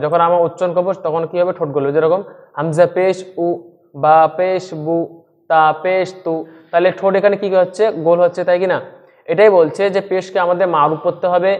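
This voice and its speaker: A man teaching a Quran reading lesson online, explaining step by step and checking in with frequent questions, sounding out syllables slowly. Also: high voice, long reverb tail, lo-fi sound. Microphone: screen-share recording with voice-over.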